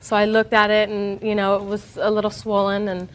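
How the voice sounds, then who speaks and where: A woman recounts her side in court in a plain, matter-of-fact way. Her voice is medium in pitch and stays flat and even. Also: a little fast. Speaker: litigant in small claims court. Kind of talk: spontaneous testimony.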